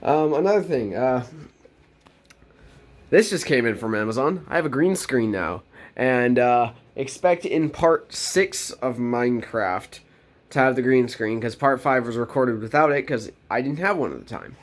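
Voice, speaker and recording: A teen boy, nasal as he gets over a cold, records a casual vlog in his bedroom, speaking in an animated, medium-pitched voice at an unhurried pace. He rambles with frequent ums and restarts while moving around the camera mic.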